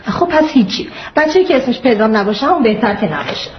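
An actress playing an earnest young wife who lists the costs of raising a child in a matter-of-fact way. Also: female voice, fairly high pitch, expressive, slight background noise, natural voice. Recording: dull clip with faint ambience.

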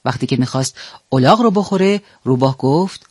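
A man telling a fable in an animated way, addressing his listeners directly. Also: mid-range voice, slightly rough, dry recording, studio quality. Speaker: storyteller.

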